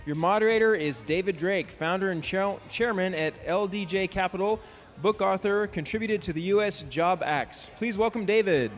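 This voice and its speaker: High-voiced man announcing a panel. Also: normal speed. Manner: formal, announcing names and titles. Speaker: event announcer. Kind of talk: stage introductions.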